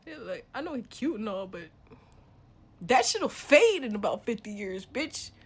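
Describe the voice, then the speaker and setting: A woman's voice: mid-range voice, sing-song, measured pace, breathy edge. Profane, emphatic woman ranting. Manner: profane, emphatic, swings between mutters and outbursts. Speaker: vlogger. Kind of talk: casual rant to camera.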